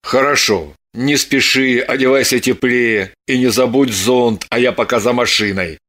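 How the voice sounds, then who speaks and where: A reader doing a gruff, curt husband. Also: male voice, medium pitch, a little slow, a bit bright, voice pushed down, close to an everyday voice. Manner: short, clipped, commanding replies.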